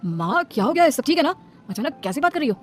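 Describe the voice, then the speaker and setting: A woman's voice: high voice, sing-song, fast, faint music behind, pitched above the performer's own voice. A woman voicing a casual, easygoing young adult son in a cartoon story, talking in an offhand way.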